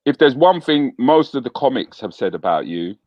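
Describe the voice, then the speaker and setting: A man's voice: medium pitch, sing-song, moderate pace, slight background noise. A British man hosting a casual online chat show, teasing his guest in a jokey, laid-back way. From Britain. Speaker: comedian host. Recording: dry, slightly muffled call audio.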